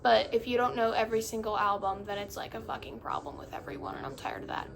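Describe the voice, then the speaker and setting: A woman's voice: mid-range voice, animated, quick pace, gravelly. A young woman vlogging to her phone, chatty and rambling, cutting herself off often, talking with a put-on valley-girl inflection. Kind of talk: casual chat to camera. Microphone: phone camera. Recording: phone recording with faint music behind. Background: faint music playing.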